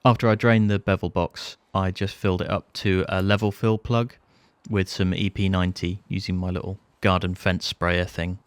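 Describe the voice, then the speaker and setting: With a deep, smooth voice that barely shifts in pitch, a British host in his thirties walks viewers through a restoration at a moderate pace. He keeps things understated and relaxed with the odd aside, speaking into a lapel mic in his barn workshop.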